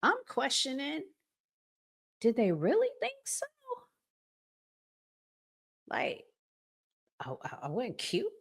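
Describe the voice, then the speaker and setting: High, husky, and slow, her voice swings hugely in pitch and she pauses often. She's an American woman hosting a relationship advice channel, giving casual, emphatic, colloquial advice with drawn-out key words and acted-out examples.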